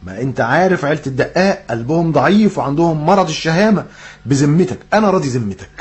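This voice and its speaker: A man's voice: a little high, expressive, lightly acted. An actor playing a cheeky, mocking young man in a comic radio drama, speaking with an Egyptian Arabic accent and firing off sarcastic banter. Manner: rapid, teasing, sarcastic banter. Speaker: son, comic lead.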